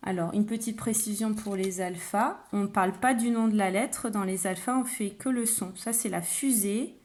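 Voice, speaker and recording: A woman, a kindergarten teacher, calmly explaining a phonics game to parents and stretching out example words. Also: medium pitch, moderate pace, slight background noise. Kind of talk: home-schooling phonics lesson for parents.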